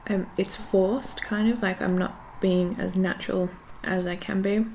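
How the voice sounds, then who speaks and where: Shy, creaky-voiced young woman chatting. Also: mid-range voice, a little slow, a little hiss or hum. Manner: shy and awkward; monotone. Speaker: YouTube creator. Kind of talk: casual mukbang chat while eating. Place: at home indoors by a window.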